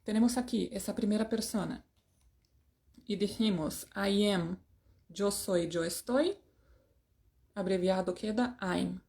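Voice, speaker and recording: A woman's voice: mid-range voice, takes it slowly, pauses often, a little mellow. A woman from teaching an English lesson in a casual, chatty way, often checking in with "¿ok?" and poking fun at herself.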